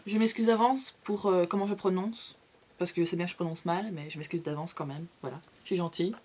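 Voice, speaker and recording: A woman's voice: lowish voice, steady tone, brisk, darkish tone. A young woman vlogger in a casual haul video, chatty and gushing, with playful asides to her viewers. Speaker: beauty vlogger.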